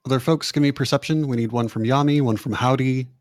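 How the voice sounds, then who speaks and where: Casual game master, dry close sound. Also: male voice, mid-range voice, fairly even intonation, quick pace, dry recording. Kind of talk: narrating an online tabletop game.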